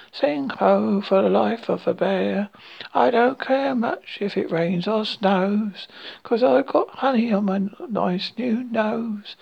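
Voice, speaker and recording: A cheerful, simple honey-loving bear, as a storybook reader puts him on, pitched up high and bouncing in a sing-song lilt. The voice keeps a gravelly, husky texture. The recording sounds dull and lo-fi. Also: exaggerated voice. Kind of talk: storybook reading.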